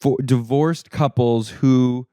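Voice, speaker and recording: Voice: mid-range voice, fairly even intonation, slow, dark tone, clear, resonant tone, no echo, studio quality. A podcast co-host in casual chat, listening with many mm-hmms and adding wry asides. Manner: frequent mm-hmm backchannels, wry asides.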